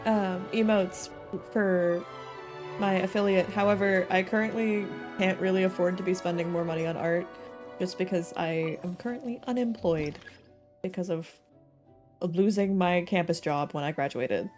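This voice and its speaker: A woman in her twenties streams a video game live, chatting casually with music playing behind her. Her voice is lowish, her intonation fairly even, and she speaks at a normal speed.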